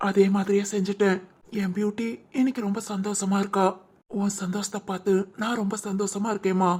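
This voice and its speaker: A woman voicing a caring young husband in a cartoon, speaking tenderly and softly. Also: medium pitch, flat delivery, fairly quick, husky, pitched below the performer's own voice, lightly acted.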